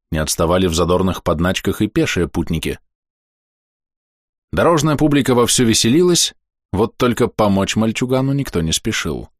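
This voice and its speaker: A man reading a fantasy novel aloud as an audiobook narrator, measured and expressive, slowing down for dramatic moments. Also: lowish voice, no room sound, clean studio sound. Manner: measured, expressive storytelling with slowed dramatic pauses.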